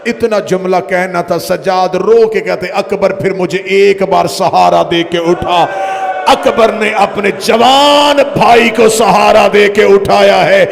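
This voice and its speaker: A man's voice: high voice, fairly even intonation, slow pace, creaky. A man delivering a mourning sermon, reciting a lament in a half-sung, wailing way at a religious gathering. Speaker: religious orator. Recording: long hall reverb.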